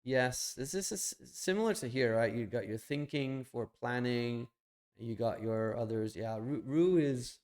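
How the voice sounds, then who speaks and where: A man's voice: mid-range voice, a little slow, darkish tone. A young man streaming live, chatting bluntly with some swearing while he thinks aloud and clicks through his screens. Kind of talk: casual live stream chat.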